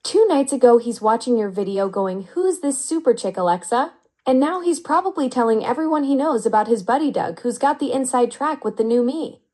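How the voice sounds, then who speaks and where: A synthetic woman's voice of an AI chat assistant, upbeat and flattering with smooth, even delivery. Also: fairly high pitch, fairly quick, few pauses. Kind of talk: conversational AI reply.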